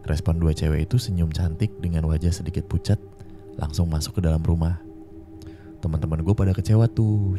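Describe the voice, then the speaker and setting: A man hosting a podcast, reading out a listener's ghost story in a slangy, conversational way and slowing down for suspense. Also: sits low. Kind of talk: casual horror storytelling. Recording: clear music bed behind. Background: music.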